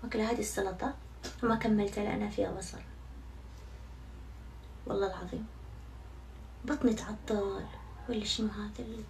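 A young woman chatting casually to her viewers, self-mocking and swearing oaths often. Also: mid-range voice. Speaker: vlogger. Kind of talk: casual vlog chat to viewers. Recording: somewhat far from mic, faint background noise.

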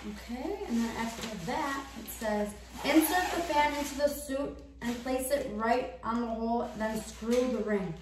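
A woman's voice: fairly high pitch, measured pace. A young woman hosting a vlog, chatting casually and informally to the camera in an echoey, nearly empty room. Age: young adult. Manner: informal, swearing. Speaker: vlog host. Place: nearly empty bedroom indoors. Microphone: camera a few feet away. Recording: echoey room, distant mic, noisy.

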